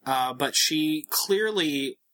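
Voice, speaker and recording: Bright-voiced man rambling through a podcast chat. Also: on the high side, expressive, slow pace. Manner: rambling, thinking aloud with many fillers and restarts. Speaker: podcast co-host. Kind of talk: casual chat.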